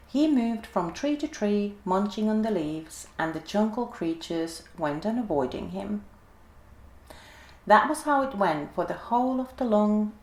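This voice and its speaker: A woman gently and expressively reading a children's story aloud in an echoey room. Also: mid-range voice.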